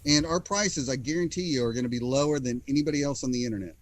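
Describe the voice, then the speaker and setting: A man's voice: medium pitch, fast, no echo, poor audio. A man co-hosting a podcast in casual chat over a video call. He jokes often and repeats words as he gets started. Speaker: podcast co-host.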